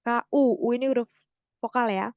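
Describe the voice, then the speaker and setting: A young woman tutoring online in a casual way, correcting herself and slowly stressing example words. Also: fairly high pitch, a little mellow, no room sound, muffled recording. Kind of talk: explaining grammar lesson.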